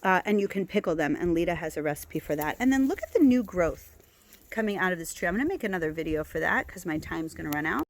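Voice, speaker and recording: A fast-talking woman with a fairly low voice and lively intonation guides a casual herbal walk outdoors. Recorded in a garden on a handheld phone, she chats with many fillers and restarts, and her first language is not Hebrew.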